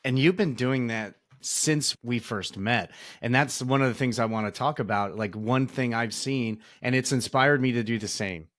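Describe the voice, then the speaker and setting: A man's voice: mid-range voice, normal speed, few pauses, fairly bright tone, no room sound, studio quality. A man hosting a podcast interview who asks reflective, thoughtful questions. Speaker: podcast host. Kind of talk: interview conversation.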